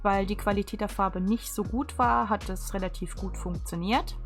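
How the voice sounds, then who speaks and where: A woman's voice: medium pitch, fairly even intonation, moderate pace. A woman giving a chatty, unscripted craft tutorial voice-over in a casual style. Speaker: video creator. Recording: music behind the voice. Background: instrumental music.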